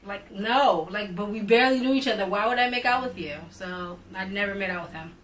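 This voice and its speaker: In a low-quality recording with a little hiss or hum, a young woman on a couple's vlog briskly narrates a storytime in a medium-pitched voice. She's casual and animated, leans heavily on "like," and grows more excited as she goes.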